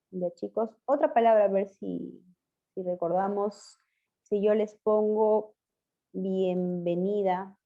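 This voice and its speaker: A woman teacher giving an online language class, patiently quizzing her pupils and spelling words out slowly. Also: medium pitch. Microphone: video call. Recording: muffled lo-fi video call audio.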